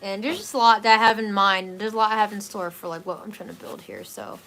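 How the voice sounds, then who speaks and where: Soft spoken lady chatting to her live stream viewers, lots of likes and i dont knows, bit of hiss behind. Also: mid-range voice, animated, fast talker. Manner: rambling and hesitant, many fillers. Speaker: wellness live stream host.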